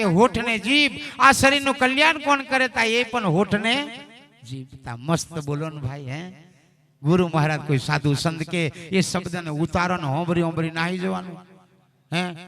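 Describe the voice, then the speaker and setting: A man preaching at a devotional gathering, rising to loud exhortation and dropping to soft asides, with frequent rhetorical questions. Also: a little high, vocal fry. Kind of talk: village sermon with stories.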